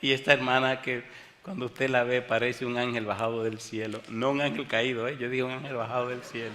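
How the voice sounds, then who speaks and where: A male pastor preaching a sermon, firing rhetorical questions at the congregation and reading scripture slowly and drawn out. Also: mid-range voice, flat delivery, bright, forceful tone, slight background noise. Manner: rhetorical call-and-response questions. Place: church hall with a congregation. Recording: long hall reverb.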